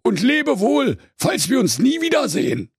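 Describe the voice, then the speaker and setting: A man's voice: very high-pitched, huge pitch swings, a little slow, vocal fry, husky, dry recording, studio quality, pitched above the performer's own voice, exaggerated voice. A man voicing a cheerful, boozy bunch of male street drinkers in a comic fairy tale. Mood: jovial.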